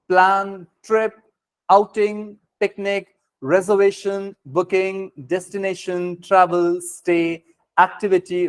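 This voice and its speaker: A man's voice: sits high, clear, resonant tone. An Indian man with Hindi as his first language, teaching a spoken English class and explaining patiently, switching between Hindi and English.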